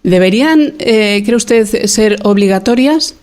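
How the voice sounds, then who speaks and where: A man with a notably high voice conducts an interview, putting polite, formal questions to his guest. He pauses on fillers and restarts as he frames each question. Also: animated, a little mellow.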